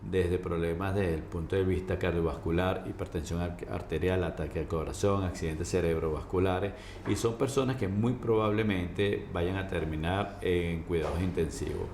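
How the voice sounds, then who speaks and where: A man speaking as a doctor being interviewed, explaining medical matters informally in a halting way, often checking that he is understood. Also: low voice, fairly even intonation, a little mellow. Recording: roomy echo, faint background noise.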